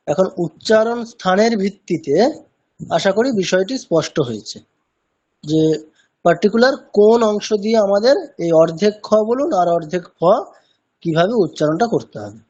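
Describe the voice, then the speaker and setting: A man's voice: high voice, darkish tone, lo-fi sound. A man teaching a pronunciation lesson in an online class, patiently repeating sounds to demonstrate them. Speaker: chanting teacher.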